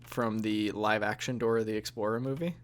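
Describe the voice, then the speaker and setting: A man's voice: fairly low pitch, fairly even intonation, a little fast. A man co-hosting a podcast in casual chat, playful and wry, laughing often. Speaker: podcast co-host.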